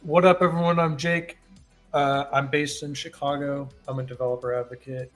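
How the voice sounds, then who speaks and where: Bright, goofy young-sounding man. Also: medium pitch, flat delivery, moderate pace, soft background music. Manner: goofy, casual. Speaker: developer advocate, co-host. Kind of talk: casual group livestream chat.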